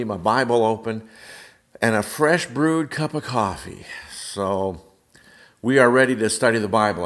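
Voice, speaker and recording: A man's voice: lowish voice, a bit bright. A middle-aged man hosting a Bible study podcast in a casual, folksy, rambling way with wry, self-deprecating humor, recorded in a slightly echoey hall. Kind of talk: casual conversational podcast monologue. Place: indoors in a church fellowship hall by a fireplace.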